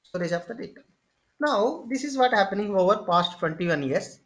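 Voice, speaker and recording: Tech trainer voice for a screen-share lecture: mid-pitched, unhurried, step-by-step, leans on "okay" between points. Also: expressive. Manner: explains step by step, often pausing with "okay" and "say"; repeats and restarts phrases while thinking. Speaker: instructor.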